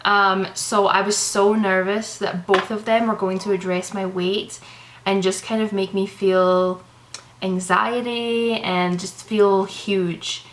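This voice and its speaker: A woman's voice: medium pitch, flat delivery, takes it slowly, slight background noise, low-quality recording. Breathless chatty young woman vlogging. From Canada. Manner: rambling, chatty, reassuring. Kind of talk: casual chat to camera. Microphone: camera mic.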